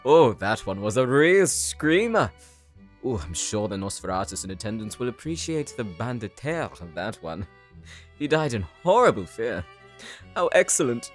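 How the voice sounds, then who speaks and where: A man's voice: mid-range voice, big pitch swings, normal speed, faint music behind, lightly acted. A man playing a flamboyant, gracious vampire count in an audio drama, with effusive aristocratic delivery. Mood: gleeful. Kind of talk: cinematic audio roleplay acting.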